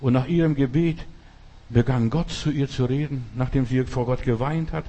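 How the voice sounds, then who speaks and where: A man's voice: mid-range voice, normal speed, warm tone. Older man preaching a fervent sermon. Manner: emphatic, repetitive preaching with dramatic prayers. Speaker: pastor.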